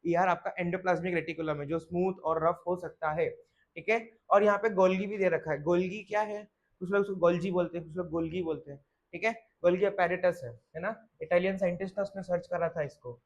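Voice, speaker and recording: A man's voice: high voice, fairly even intonation, a little fast. A young male biology teacher, giving a step-by-step lecture to students, asking questions and answering them himself. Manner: explains step by step, asks and answers questions aloud, frequent "theek hai". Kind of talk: classroom lecture.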